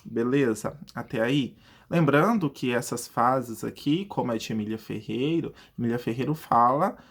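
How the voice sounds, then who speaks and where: Husky Brazilian man teaching a class. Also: mid-range voice, moderate pace. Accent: Brazilian Portuguese. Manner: chatty, asks himself questions and answers them; stretches out words syllable by syllable to demonstrate. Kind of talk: online video lesson on literacy teaching.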